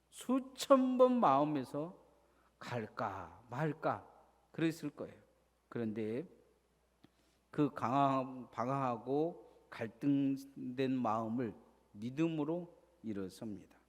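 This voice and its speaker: Male pastor, slightly high voice, preaching with rhetorical questions in a long-reverb sanctuary. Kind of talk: sermon. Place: church sanctuary.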